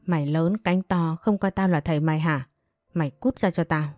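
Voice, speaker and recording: A woman voicing a furious, breathless old village father who scolds his son with shouted insults, in a read-aloud story. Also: sits low, moderate pace, dry recording, clean studio sound, faint music behind, close to an everyday voice. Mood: furious scolding.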